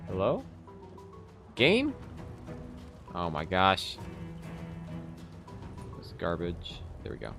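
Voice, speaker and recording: A man's voice: sits low, huge pitch swings, very slow, gravelly, long pauses, over music. A young man from Texas with a light Texan accent, chatting casually with viewers while streaming a game, rambling with lots of fillers. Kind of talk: casual live-stream chat while playing.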